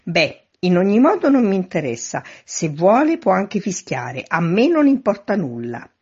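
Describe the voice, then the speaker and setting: Woman doing cranky sleepy man yelling down, high-pitched and loud, muffled lo-fi audio. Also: big pitch swings, normal speed, slightly rough, heavily acted. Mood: irritated. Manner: irritable, yelling, dismissive. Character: grumpy man woken up, yelling from a window.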